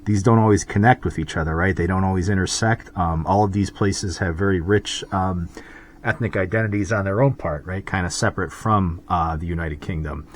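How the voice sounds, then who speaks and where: A man's voice: deep voice, fairly quick, slight background noise. An American man hosting a casual drawing vlog, talking in a rambling, chatty way full of asides. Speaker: host.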